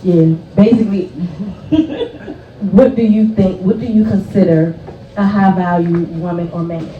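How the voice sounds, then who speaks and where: A woman's voice: lowish voice, measured pace. A woman hosting a casual panel chat, talking informally with the others. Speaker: host. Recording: echoey, distant, slightly dull, faint noise.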